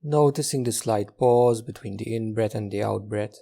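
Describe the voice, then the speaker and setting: In a husky, dark, fairly low voice edged with gravelly creak, a man leads a meditation. His instructions are gentle and unhurried, short phrases separated by long pauses.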